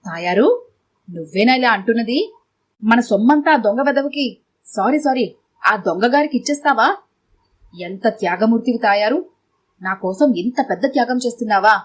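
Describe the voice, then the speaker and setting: A man's voice: very high voice, animated, moderate pace, long pauses, a bit bright, full character voice. Woman voicing a henpecked whiny husband. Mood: sarcastic pleading.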